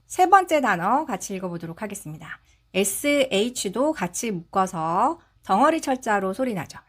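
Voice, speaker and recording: A woman with a mid-range, slightly bright voice teaches English phonics in a slow, explanatory way. She patiently sounds out each syllable and then blends the sounds together.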